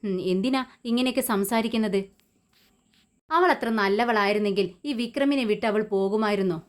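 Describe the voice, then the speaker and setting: Woman reading as a worked-up young woman, sharp and accusing. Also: medium pitch, normal speed, natural voice. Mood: agitated. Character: agitated young woman stirring up trouble.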